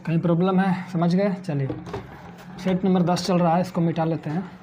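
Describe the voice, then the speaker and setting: A man's voice: high voice, steady tone, normal speed, warm tone, slight background noise. A man from India teaching a math lesson for exam prep, who keeps asking his own questions and answering them.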